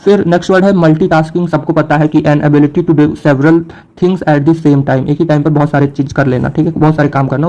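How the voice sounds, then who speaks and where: A young man teaching exam vocabulary in Hindi with an Indian English accent, reading English definitions slowly and checking in often with the listener. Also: fairly high pitch, warm tone, rough recording. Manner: frequent fillers and "theek hai" checks. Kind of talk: vocabulary lesson.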